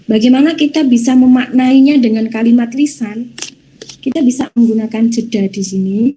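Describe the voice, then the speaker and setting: A woman's voice: a little high, normal speed, warm tone, slight background noise, rough recording. A woman teacher giving an online class with screen share, explaining patiently and step by step, often starting with a filler before each point.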